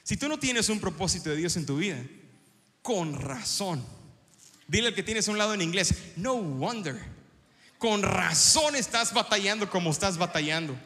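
A man's voice: sits high, fast talker, hardly any pauses. A middle-aged Mexican man preaching a sermon in Spanish-accented storytelling, asking the congregation questions and drawing them in. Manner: storytelling, lively and engaging the congregation. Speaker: pastor. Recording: preaching with long hall reverb.

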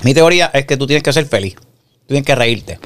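A man's voice: mid-range voice, expressive, moderate pace, fairly bright tone. A man in his forties co-hosting a podcast, joking and teasing in casual chat. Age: 40s. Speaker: podcast co-host.

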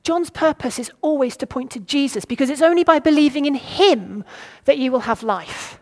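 A woman with a fairly high voice preaches a sermon. She thinks aloud and asks her listeners what they would do. She sometimes stops and starts over her words. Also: normal speed. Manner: reflective, asks the listeners questions.

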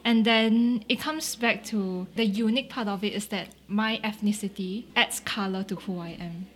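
A woman's voice: mid-range voice, moderate pace. A woman from Singapore with a Singaporean accent, talking casually and often ending points with a questioning tag. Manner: relaxed, agreeable, with many "right?" tags and "mm-hmm". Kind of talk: casual conversation.

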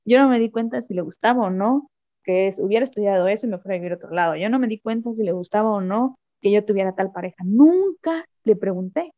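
A woman's voice: medium pitch, fast, no echo, phone-quality sound. A woman with a Mexican accent, a guest telling a personal story in a candid, reflective way and repeating phrases for emphasis. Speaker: interview guest.

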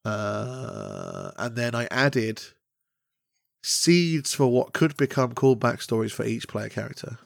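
A man's voice: medium pitch, sing-song, takes it slowly, gravelly, no room sound, studio quality. A man co-hosting a podcast, talking casually about the world he runs his tabletop game in, rambling and jokey with lots of fillers. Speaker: podcast co-host and game master.

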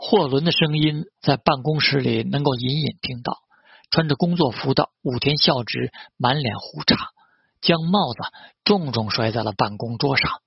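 A man's voice: medium pitch, normal speed, creaky, breathy edge, dry recording. A man narrating a novel as an audiobook, reading all the characters in the same plain voice. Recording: dull, slightly lo-fi dry recording.

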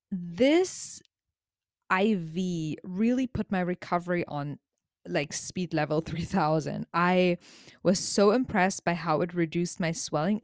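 A woman vlogger speaks in a slightly low voice, recorded dry with no room sound. She chats informally to her audience as in a casual monologue, stressing her points with slangy exaggeration. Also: dry recording. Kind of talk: casual chatty vlog monologue.

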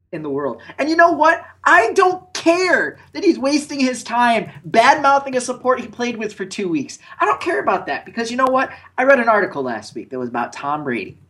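A woman's voice: mid-range voice, a bit bright. A woman co-hosting an esports podcast, playful and mock-preachy, spinning long stories in casual chat.

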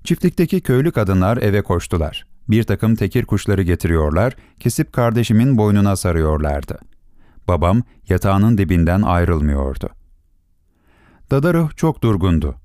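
Low-voiced male audiobook narrator. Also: sing-song, normal speed, dark tone, no room sound, clean studio sound. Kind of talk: scripted narration.

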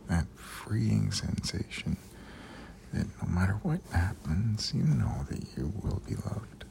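A man delivers an intimate ASMR monologue right in your ear, very slowly and half-whispered. His low voice has a gravelly creak, and he spaces out his soothing, affirming phrases with deliberate pauses. A light layer of noise sits behind him. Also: sing-song, warm tone. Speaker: host.

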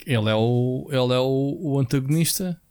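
A man's voice: medium pitch, moderate pace, mellow, dry recording. A man with a European Portuguese accent co-hosting a podcast in an informal, slangy, conversational way. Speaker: podcast co-host. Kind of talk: casual chat.

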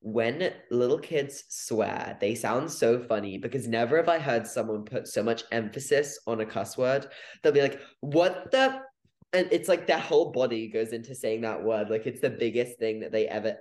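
A man's voice: fairly low pitch, a little mellow. Young male podcast co-host, casual and playful, reverberant room. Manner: chatty, many fillers, playful. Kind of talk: casual debate chat.

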